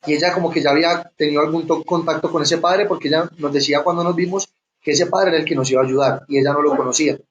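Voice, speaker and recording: Halting young man, fairly high voice. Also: fairly even intonation, highs cut off. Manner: halting, repeats words and restarts. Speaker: interviewee sharing his testimony. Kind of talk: personal testimony.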